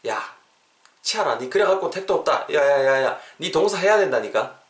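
A man's voice: fairly high pitch, lively intonation, normal speed, lightly acted. A man voicing a bossy, blunt male friend who scolds in Gyeongsang dialect. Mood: scolding. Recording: roomy echo.

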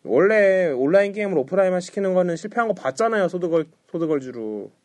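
A man's voice: high-pitched, animated, fast, a little mellow. A man co-hosting a casual gaming podcast, agreeable and jokey, humming along often. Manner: agreeable, lots of backchannel hums, jokey. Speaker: podcast co-host.

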